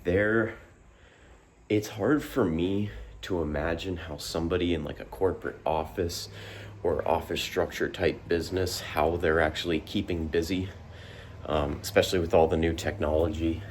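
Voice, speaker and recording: A man's voice: low-pitched, slight background noise. A man giving a casual, rambling opinion monologue to the camera, full of fillers and restarts, a bit out of breath after exercise. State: out of breath after push-ups. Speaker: vlogger.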